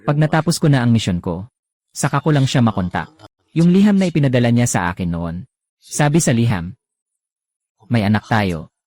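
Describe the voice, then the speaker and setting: A man's voice: mid-range voice, very animated, moderate pace, pauses often, a little mellow, dry recording, studio quality. A man voicing an undercover police captain and guilt-ridden father, with earnest, regretful speech.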